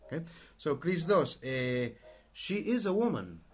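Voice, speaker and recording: A man's voice: fairly high pitch, very animated, slow pace, breathy edge. A man hosting a radio English lesson, prompting his students in a playful, joking way. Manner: playful, prompting, laughs often. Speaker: radio English teacher and host. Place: radio studio.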